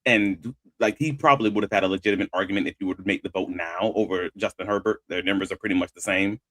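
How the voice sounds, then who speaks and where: A man's voice: sits low, quick pace, fairly bright tone, no echo. A man hosting sports talk, giving conversational analysis and stressing his key points as he argues them. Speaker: sports talk show host.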